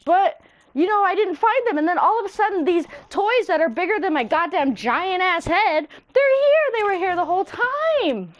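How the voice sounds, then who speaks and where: A woman's voice: animated, moderate pace, dry recording. A woman voicing an exasperated boy who complains sarcastically about his missing toys, swearing as she goes. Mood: sarcastic. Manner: sarcastic, swearing, rising into squeaks.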